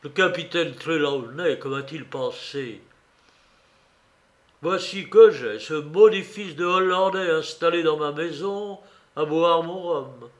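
A man voicing a cunning one-legged old sea cook who blusters and shouts in loud theatrical outbursts, in a radio reading of a story. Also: on the high side, takes it slowly. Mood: excited.

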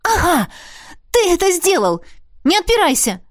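A woman voicing an indignant, hot-tempered young female student who shouts in angry bursts. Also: lively intonation, moderate pace, no echo, studio quality. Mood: furious. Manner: shrill, exclaiming in angry bursts.

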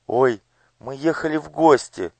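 A man's voice: medium pitch, a little slow, gravelly, no echo, voice pushed up. A man voicing a frightened young girl disguised as a page, whimpering and pleading in pain, in an audiobook. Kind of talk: audiobook character voice.

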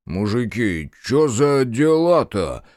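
Male narrator doing a protesting hungover storekeeper, crude talk, lively swooping voice, audiobook. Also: mid-range voice, normal speed, no echo, clean studio sound, voice pushed up, lightly acted. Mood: aggrieved pleading. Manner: whiny, protesting, crude slang. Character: hungover tied-up male storekeeper, aggrieved, pleading.

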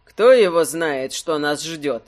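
A man voicing an easygoing, wry male rogue adventurer in an audiobook, speaking low and unhurried. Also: animated, soft background music.

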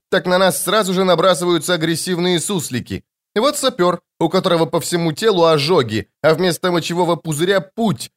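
A man's voice: fairly high pitch, pitched above the performer's own voice, natural voice. A man voicing a barking, bossy female corporal. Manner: barking, scolding.

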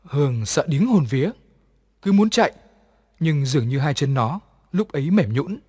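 A man narrates a ghost story at a measured, even pace. His voice sits a little higher than most men's, and a long reverb hangs behind every line. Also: husky.

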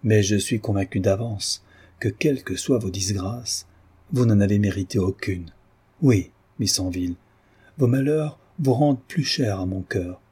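A man's voice: fairly low pitch, unhurried, mellow, slightly rough. A man voicing an earnest young nobleman in love, pleading, in an audiobook reading.

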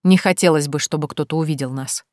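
A woman voicing a nervous, scheming young male noble who talks low and anxious. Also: quick pace, a little mellow, no echo, clean studio sound, lightly acted.

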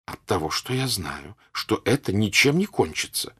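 A man doing a gentle older noblewoman. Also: on the low side, breathy edge, full character voice. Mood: gently reproving. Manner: calm, unhurried, gently reproving. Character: gentle older noblewoman, tender and patient mother. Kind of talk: audiobook character voice.

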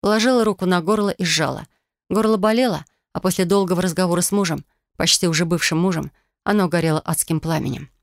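A woman's voice: fairly low pitch, fast, creaky, no room sound, clean studio sound. A woman narrating a first-person audiobook in an emotional, dramatic reading style.

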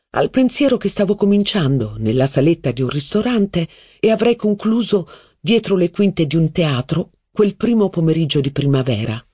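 A narrator reading a literary classic aloud at an even, measured pace. The voice is a touch husky and breathy. It is recorded close and dry, with no room sound. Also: mid-range voice, dry recording. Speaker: audiobook narrator.

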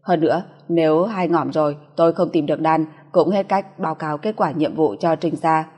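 A woman's voice: deep voice, steady tone, normal speed, a little mellow, slightly rough. A woman voicing Trần Quốc Chí, a brash swearing mercenary. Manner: coarse, swaggering, swears. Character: brash cocky male mercenary. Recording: long reverb.

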